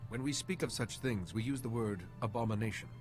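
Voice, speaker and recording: A calm Jedi hero voiced by a man from a video game. He speaks at a middle pitch, measured and earnest, with faint music behind him. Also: lightly acted. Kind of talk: video game dialogue acting.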